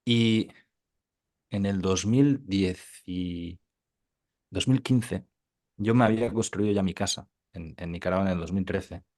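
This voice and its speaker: A low-voiced, casual man from Catalonia, Spain, in his 30s, with a darkish tone to his voice. As a digital entrepreneur guesting on a podcast, he tells stories informally, halting with repeated words and tag questions.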